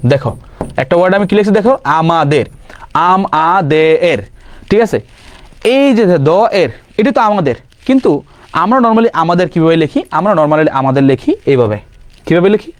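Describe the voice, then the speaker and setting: Young male tutor, high-pitched, dry recording; quizzes and answers himself in a loose, chatty class. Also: expressive, no echo. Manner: quizzing with rapid questions and self-answers; mixes English words into casual lecture. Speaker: grammar teacher. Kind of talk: online exam-prep lesson.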